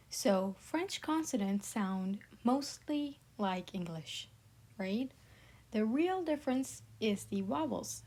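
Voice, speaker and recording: Woman, French teacher, beginner lesson, unhurried, higher voice, patient, has you repeat after her. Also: darkish tone. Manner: slow, patient, drills sounds for repetition.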